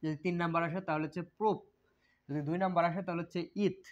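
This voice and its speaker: A man's voice: on the high side, fairly even intonation, fast talker. A man teaching a chemistry lesson, repeating points and asking questions that he then answers himself. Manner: repetitive, asks and answers own questions. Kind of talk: classroom lecture. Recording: dull lo-fi recording.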